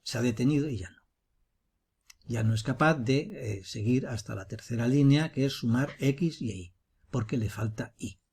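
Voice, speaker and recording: Husky-voiced man explaining step by step. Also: mid-range voice, moderate pace, a little mellow. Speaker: teacher. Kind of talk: screencast software tutorial.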